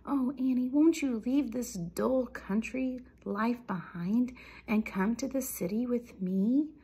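A woman voicing a haughty, bossy, excitable female city mouse in a children's storybook, with a grand and boastful manner. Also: fairly high pitch, takes it slowly, husky, heavily acted. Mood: snooty. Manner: grand, boastful, shrieking when alarmed. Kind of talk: children's storybook read-aloud.

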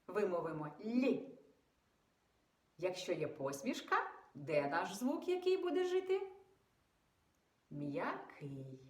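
Slow sing-song woman teaching children. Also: lowish voice, echoey room. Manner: patient, exaggerated, pausing for children to answer. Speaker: preschool teacher.

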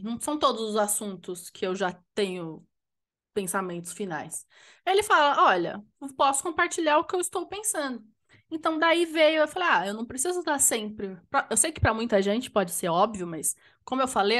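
A woman's voice: a little high, a bit bright. A young adult woman co-hosting a podcast, talking casually and reflectively, thinking aloud with restarts. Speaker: podcast co-host.

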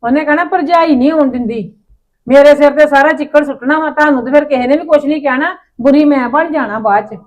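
A woman's voice: sits high, fast. A woman playing a farmer's wife, complaining and nagging. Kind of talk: village drama acting.

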